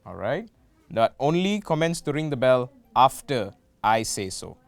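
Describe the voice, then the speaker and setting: A man's voice: mid-range voice, sing-song, unhurried, gravelly, no echo. Playful young male game show host. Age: young adult. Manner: playful, jokey asides. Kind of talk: hosting a student game show.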